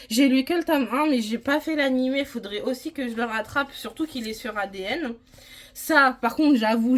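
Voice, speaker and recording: A woman from France giving a casual, rambling tour of her manga collection, with frequent hesitations. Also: fairly high pitch.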